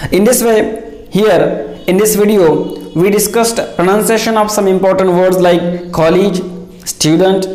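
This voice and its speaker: A man teaching English pronunciation, speaking deliberately, spelling words letter by letter and repeating each one. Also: high-pitched, darkish tone, echoey room, rough recording. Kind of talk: pronunciation lesson.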